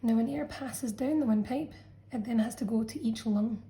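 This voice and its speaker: Woman, science teacher, revision lesson, mellow tone, fairly high voice, patient explaining. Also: moderate pace, poor audio. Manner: patient, explanatory, checks in with "okay". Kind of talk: revision lesson narration over a drawn diagram.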